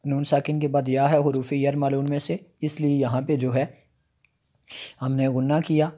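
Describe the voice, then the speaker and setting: A man teaching tajweed, explaining Quran recitation rules in plain talk with frequent "uh" pauses. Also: mid-range voice, flat delivery, dark tone.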